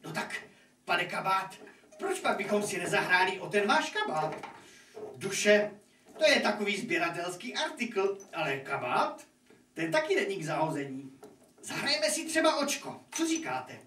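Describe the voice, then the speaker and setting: A scheming devil lord in a puppet fairy tale. He is imperious and theatrical, with pitch that swings widely. The sound is distant and echoey. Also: big pitch swings, sharp tone, full character voice. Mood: sly, tempting. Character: haughty scheming devil doctor, ruler of hell, puppet villain. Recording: echoey room, distant microphone, noisy.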